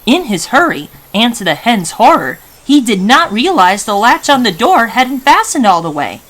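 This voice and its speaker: A woman storyteller narrating a scripted children's story in an animated, dramatic style. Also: fairly high pitch, normal speed. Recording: faint background noise.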